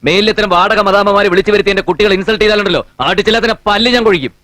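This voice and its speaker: An actor playing a stern police commissioner who lectures angrily. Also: male voice, sits high, very fast, bright, forceful tone. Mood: angry. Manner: angry, lecturing.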